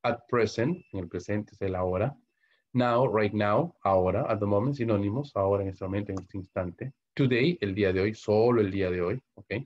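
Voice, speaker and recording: Low-voiced Peruvian teacher saying "¿ok?". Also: male voice, brisk, few pauses, muffled recording. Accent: Peruvian Spanish. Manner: repeats "¿ok?" and "¿no?" after nearly every phrase; spells letters out and translates each English example. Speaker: English teacher. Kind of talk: online grammar lecture in Spanish.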